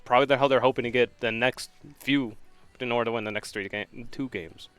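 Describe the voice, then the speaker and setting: A man calling casual live play-by-play for an esports match, relaxed and joking, with excited shouts on big plays. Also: medium pitch, fast, clear, resonant tone.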